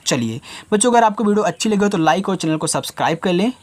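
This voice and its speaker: A man teaching a reading lesson to young learners. He reads letters out slowly, one at a time, then explains each sound in a patient, steady way. He talks straight to the children, like a classroom teacher. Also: sits high. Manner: addresses the viewers as children.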